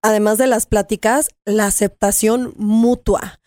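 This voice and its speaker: A Mexican woman hosting a podcast, speaking in a supportive way, often pausing with fillers. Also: medium pitch, steady tone, darkish tone, no echo, clean studio sound. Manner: supportive, hesitant, with many fillers. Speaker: podcast host. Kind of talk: casual podcast chat.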